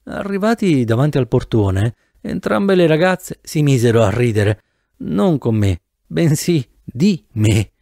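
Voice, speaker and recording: A man reading a novel aloud in the first person with an animated, theatrical delivery, close to the mic. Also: mid-range voice, measured pace, gravelly, no echo. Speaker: audiobook narrator. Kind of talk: expressive audiobook narration.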